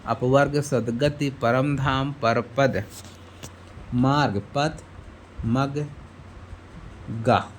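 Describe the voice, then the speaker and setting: A man's voice: medium pitch, a little hiss or hum. A man teaching an exam-prep Hindi lesson, reading out lists of synonyms one word at a time and asking the class quiz questions. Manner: slow, word-by-word listing with quizzing questions.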